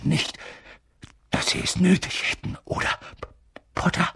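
A man's voice: fairly high pitch, expressive, unhurried, gravelly, a little hiss or hum. A man voicing a pale, nervous young professor who stammers in a half-whispered voice. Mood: jittery.

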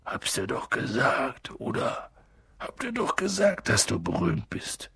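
A man voicing a huge, gruff but gentle gamekeeper who talks in a blunt, clipped way. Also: mid-range voice, wildly swooping pitch, unhurried, no echo, heavily acted. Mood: confiding.

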